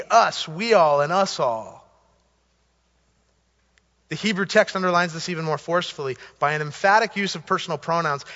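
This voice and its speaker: Male pastor, high bright voice, emphatic sermon delivery, long church reverb, dull sound. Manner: earnest, emphatic preaching with repeated phrases. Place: church sanctuary.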